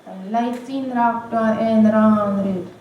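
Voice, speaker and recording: A woman's voice: on the high side, fairly even intonation, lo-fi sound, a little hiss or hum. Woman retelling a Bible story, roomy. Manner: halting, mixes in English words. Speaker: camp storyteller. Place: large echoey room at a camp. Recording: roomy, distant mic.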